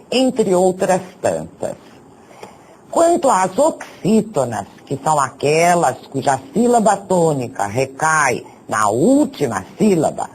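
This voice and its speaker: A man teaching a recorded grammar lesson, going deliberately through examples one by one. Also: sits high, husky, low-quality recording.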